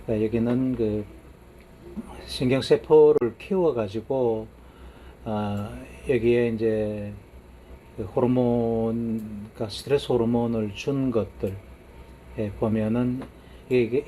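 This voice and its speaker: Mellow-voiced male lecturer. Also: medium pitch, slight background noise. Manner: unhurried, frequent affirming "yes" and trailing asides while pointing at slides. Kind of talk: lecture on brain science.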